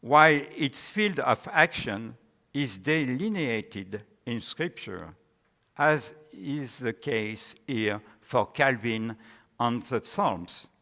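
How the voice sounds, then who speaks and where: French guy giving a scholarly talk, really slow and halting, big echoey hall. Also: medium pitch, expressive, pushed and bright. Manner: deliberate, halting phrasing. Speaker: academic presenting a paper. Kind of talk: scholarly lecture and question answering. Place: large hall with an audience. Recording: echoey hall with long reverb.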